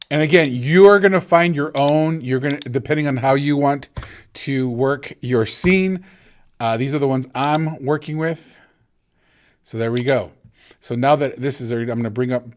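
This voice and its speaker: A man teaching video editing in a casual, rambling way, thinking aloud and often restarting his sentences. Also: medium pitch. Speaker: instructor. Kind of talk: screen-recorded video editing tutorial.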